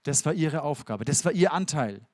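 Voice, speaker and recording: A man preaching a sermon with a somewhat high voice. He talks earnestly, pressing up into emphatic lines and then sinking low and quiet. The sound is dry and close. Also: animated, moderate pace, dry recording.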